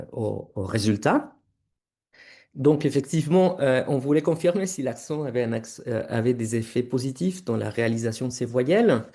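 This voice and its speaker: A man's voice: mid-range voice, dark tone. A male researcher giving an academic conference presentation, explaining his slides step by step and talking directly to the audience.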